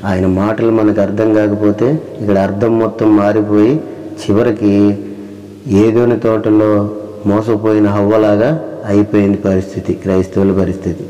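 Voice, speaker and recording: A man preaches a sermon with a low, mellow voice. He reads scripture slowly, repeats phrases and keeps asking rhetorical questions. His voice carries a long reverb. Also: little pitch movement, highs cut off.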